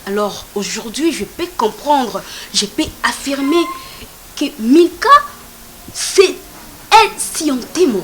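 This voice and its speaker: A woman's voice: sits high, expressive, slow, slight background noise, low-quality recording. A woman, speaking in a troubled, pleading way to an elder. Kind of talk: film acting.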